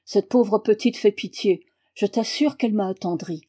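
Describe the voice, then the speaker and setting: Brief: soft paternal old man from a read-aloud novel, a woman narrator doing him, mellow tone. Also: mid-range voice, moderate pace, lightly acted. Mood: gentle. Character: kindly older male father, gentle.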